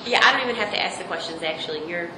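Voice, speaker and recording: A woman's voice: on the low side, lively intonation, very fast. A woman interviewing informally, speaking in brief, easygoing and accommodating remarks. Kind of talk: informal interview with short acknowledgements. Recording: echoey room, clear background noise.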